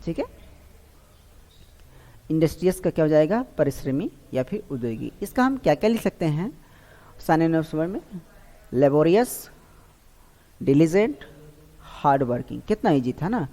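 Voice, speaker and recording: Mellow-voiced male teacher in a reverberant room. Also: on the high side, very animated, normal speed, pauses often. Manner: quizzes himself aloud and repeats each answer. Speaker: English vocabulary teacher. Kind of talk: online exam-prep lesson. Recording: long hall-like reverb.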